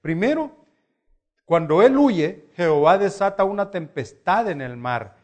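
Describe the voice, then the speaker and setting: Animated male preacher, higher voice. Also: a little slow. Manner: animated storytelling with acted quotes. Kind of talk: sermon.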